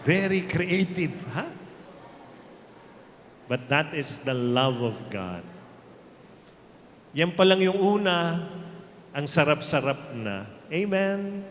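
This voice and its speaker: A man with a Filipino accent preaching a sermon, speaking slowly and emphatically and mixing in jokes for his congregation. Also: fairly high pitch, expressive, a bit bright. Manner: slow, emphatic preaching that mixes Tagalog and English, with jokes to the crowd. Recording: reverberant hall, faint ambient noise.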